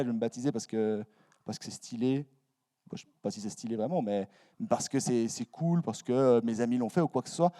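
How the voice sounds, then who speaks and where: A man's voice: fairly high pitch, mellow. A young man preaching a sermon in a church hall, casual and self-mocking, with slangy asides. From Switzerland.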